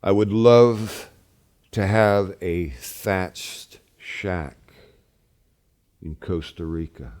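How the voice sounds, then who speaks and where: Slow, emphatic man telling his story. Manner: slow, emphatic, rising to loud peaks then dropping low. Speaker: wilderness teacher. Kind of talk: spoken personal recollection.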